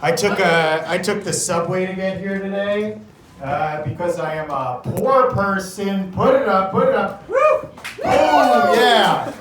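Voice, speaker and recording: A man's voice: sits high, a little slow, fairly bright tone. A man doing a nervous stand-up set in a small comedy bar, rambling and cursing with lots of fillers. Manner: rambling, profane, filler-heavy. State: nervous and sweaty. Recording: echoey club room from far off. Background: audience noise and laughter.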